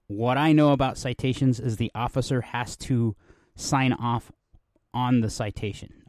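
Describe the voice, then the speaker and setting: A man's voice: medium pitch, darkish tone, dry recording, clean studio sound. A middle-aged man from New Mexico hosting a podcast, talking in a rambling, conversational way with many fillers and restarts. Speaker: podcast host. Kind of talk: casual podcast monologue.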